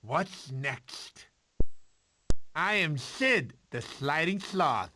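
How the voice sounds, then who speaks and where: An actor playing a goofy, jittery but kindly bumbling sloth in an animated game, excitable and theatrical. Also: male voice, on the high side, drawn-out words, a little hiss or hum, heavily acted. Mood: cheerful. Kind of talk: animated film tie-in game character dialogue.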